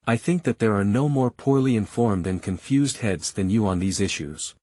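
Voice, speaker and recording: A man with a low, husky voice delivers a historical parliamentary speech in a declamatory voice-over. His tone is oratorical and insistent, recorded dry and close with no room around it. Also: moderate pace, a little mellow, dry recording.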